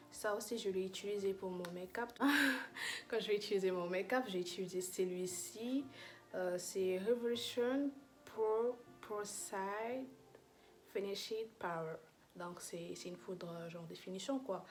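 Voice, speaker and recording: A woman's voice: mid-range voice, moderate pace, a little mellow. Chatty young woman gushing over makeup. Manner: chatty, gushing, many fillers and restarts. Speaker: beauty vlogger. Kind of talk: casual makeup review vlog.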